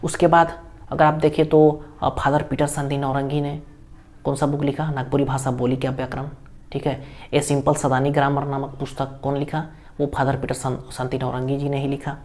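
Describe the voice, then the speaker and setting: A man's voice: fairly high pitch, darkish tone. A man teaching a casual exam-prep lesson, who explains step by step and keeps asking questions and answering them himself. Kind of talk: casual classroom lecture.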